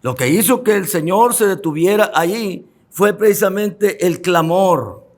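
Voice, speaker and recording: A man pastor preaching a sermon with fervor, repeating phrases for emphasis, speaking directly to the listeners and drawing out key words slowly. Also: high voice. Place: church.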